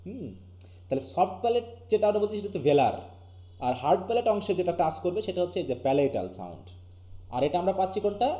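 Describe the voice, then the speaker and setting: Brief: Bangladeshi male teacher, quick patter, mellow dark tone, quizzes the class often. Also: high voice, very animated, roomy sound, muffled recording. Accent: Bangladeshi Bengali. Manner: keeps asking students questions. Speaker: English teacher. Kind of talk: live online class lecture.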